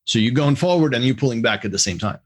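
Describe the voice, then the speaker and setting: Middle-aged Russia-born guest; halting, self-correcting, with animated spikes; mid-pitched. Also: male voice. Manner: halting, restarts, animated bursts. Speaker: podcast guest, executive coach. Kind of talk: casual interview answers.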